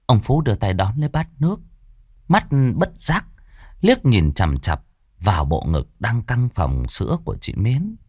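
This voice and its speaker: A man tells a dramatic folk tale at a slow, deliberate pace. His pitch moves expressively through each line. The recording is dry and close. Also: no echo. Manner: unhurried, expressive storytelling. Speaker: storyteller.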